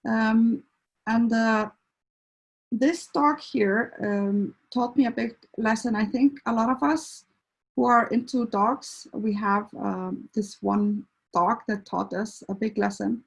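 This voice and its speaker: Gravelly, husky woman from Iceland. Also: on the high side, fairly even intonation, slow, low-quality recording. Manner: hesitant, many fillers and restarts. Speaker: veterinarian and behavior counselor. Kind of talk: casual talk introduction.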